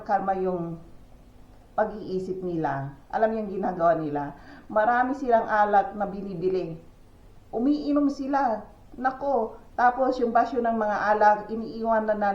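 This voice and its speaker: A Filipina woman vlogging to her viewers in a chatty, gossipy way, telling stories with exclamations and laughs while outdoors. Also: mid-range voice. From Philippines. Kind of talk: casual chat to viewers. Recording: echoey, dull lo-fi with faint ambience.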